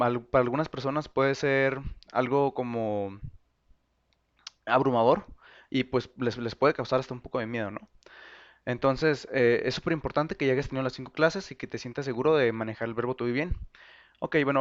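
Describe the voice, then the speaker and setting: A man teaching an online language lesson, explaining patiently and pausing on fillers as he goes. His voice sits at an ordinary middle pitch. The recording is dry and a little dull, like a simple home setup. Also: no echo. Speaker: English teacher.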